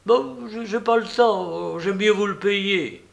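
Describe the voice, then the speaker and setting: A man's voice: sits high, slow, gravelly, voice pushed up, heavily acted. A flustered young man stammers and hurries his words in a raised voice, played by a man reading a story. He sounds nervous and eager to get away.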